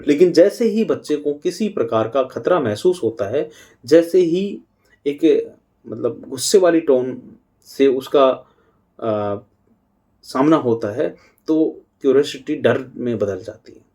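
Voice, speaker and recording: A middle-aged spiritual teacher gives a calm devotional talk on parenting. His medium-pitched voice is unhurried, and he pauses now and then.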